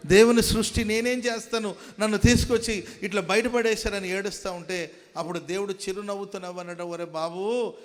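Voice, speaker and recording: A male pastor from India preaching a sermon, moving between calm storytelling and loud, rising exhortation. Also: sits high, brisk. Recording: long hall reverb.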